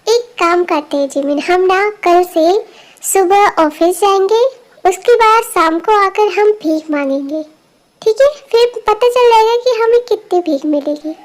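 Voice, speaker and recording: A sharp-tongued young woman, teasing and exasperated with her friend, as a woman voices her. Very high, girlish voice in a plain home dub. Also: unhurried. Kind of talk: amateur voice dubbing.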